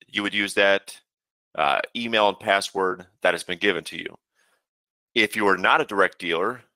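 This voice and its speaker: A man giving a casual webinar walkthrough of a program as a software trainer, talking steadily with frequent "uh" fillers. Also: on the low side, no echo.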